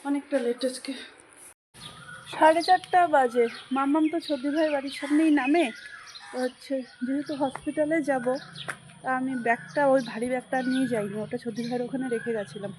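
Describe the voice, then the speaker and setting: A woman in her thirties talks through her day in a loose, rambling vlog. Her voice sits high, and she drops to a soft tone at times. A noisy phone recording at home, with plenty of hiss underneath. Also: a little fast. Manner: chatty, rambling, switches to soft talk. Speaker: vlogger and mother. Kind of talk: casual daily vlog narration.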